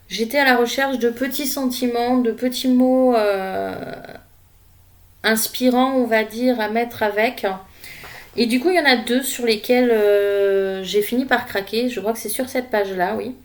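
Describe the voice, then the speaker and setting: A woman narrating her scrapbooking in a casual, unhurried voice-over, often pausing with hesitations as she works. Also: on the high side. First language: French. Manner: relaxed and unhurried, with frequent hesitations. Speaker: craft vlogger.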